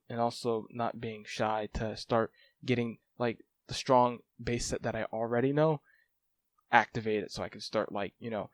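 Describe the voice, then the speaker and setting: In a casual talking-head update, a male language-learning vlogger and native English speaker rambles to camera about his studies, filling his speech with lots of "like" and "um." His voice is lowish, with no echo.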